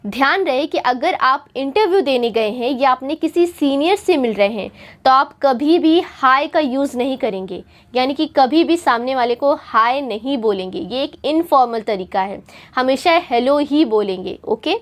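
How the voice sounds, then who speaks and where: A woman from India teaching a spoken English lesson, patient and repetitive, stretching out her English example phrases slowly. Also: sits high, animated. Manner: patient, repeats points for students.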